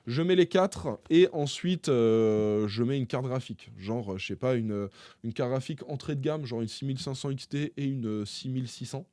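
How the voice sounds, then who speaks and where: Man, casual tech news talk, hesitant with many fillers, talks straight to viewers, mid pitch, dry close sound. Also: mellow, no echo. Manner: chatty, hesitant, frequent filler pauses; addresses viewers directly. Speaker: tech YouTuber.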